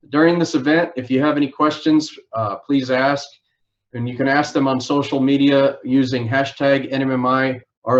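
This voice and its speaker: A man working as a recruiting officer, hosting a live information session in a formal, orderly way with frequent filler pauses. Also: medium pitch, highs cut off. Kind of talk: formal livestream presentation.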